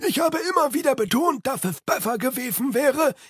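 A man voicing an excitable male servant in an audiobook, with a high, strained, emphatic voice and a dry close sound. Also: normal speed, husky, no room sound, full character voice. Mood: eager.

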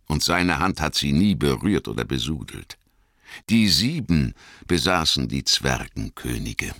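A man voicing an ancient male wizard, grave and wise, speaking slowly and solemnly in an audiobook reading. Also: a bass voice, vocal fry, pushed and bright, dry recording, studio quality, full character voice. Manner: slow, solemn storytelling.

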